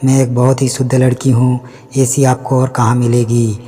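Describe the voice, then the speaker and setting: A man reading as a calm educated young wife. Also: mid-range voice, moderate pace, breathy edge, in a large hall, lightly acted. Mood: reasoning. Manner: polite, reasoning, level delivery. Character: educated young daughter-in-law, calm and firm.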